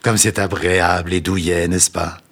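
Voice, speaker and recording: A man reading a story aloud, voicing a sweet-talking landlady who gushes and flatters in a raised voice. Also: low-pitched, moderate pace, slightly rough. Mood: coaxing. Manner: gushing, honeyed, flattering. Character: sweet-talking older landlady, fussy and cloying.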